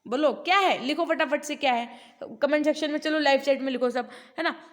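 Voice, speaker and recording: A woman teacher with an Indian accent giving an online class, mixing Hindi and English, asking her students questions and reading English lines slowly. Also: sits high, echoey room.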